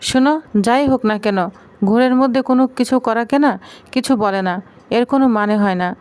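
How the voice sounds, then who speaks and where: A gentle, confused young wife from a serial storybook, pleading in a fairly high voice, as a woman narrator reads her part. The lines come softly and earnestly, close to plain storytelling. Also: a little fast, clear, resonant tone, natural voice.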